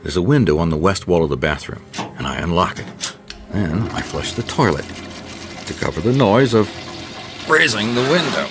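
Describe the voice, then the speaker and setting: The lead actor and narrator of a noir radio drama plays a wry, resourceful male private detective narrating his case in the first person. His deep, animated voice is colloquial and hard-boiled, at normal speed with frequent pauses, intent in mood, over background music.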